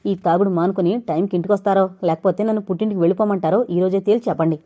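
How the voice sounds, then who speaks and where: A woman voicing a shrill, tearful young wife. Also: steady tone, very fast, dull audio, natural voice. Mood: angry, tearful. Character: bitter young wife, mother of four.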